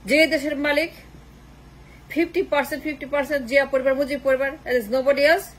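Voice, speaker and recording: A woman delivers a fierce political monologue in a high voice. She repeats her points again and again for emphasis, sliding between Bengali and English. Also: fairly even intonation, brisk, rough recording. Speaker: political commentator.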